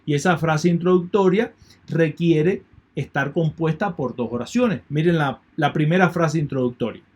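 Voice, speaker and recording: A man's voice: fairly high pitch, moderate pace, a little mellow, breathy edge. A man teaching an online lecture in a methodical way, repeating key points and thanking his students. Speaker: university lecturer.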